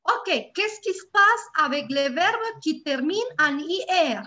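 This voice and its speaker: Patient high-voiced woman teaching French. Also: expressive, bright, forceful tone. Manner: patient, repeats words slowly and checks for understanding. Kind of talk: live online class teaching grammar.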